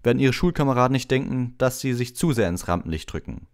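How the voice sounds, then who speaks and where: A man voicing a vain, pompous adult wizard teacher who booms condescendingly in an audiobook reading. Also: animated, fast talker, lightly acted. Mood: patronizing. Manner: booming, condescending, self-satisfied.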